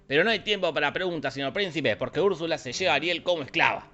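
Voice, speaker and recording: A man with a Rioplatense Spanish accent narrating a comic, slangy movie recap in a deadpan, irreverent way. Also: on the high side, fast, dull audio. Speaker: host summarizing films.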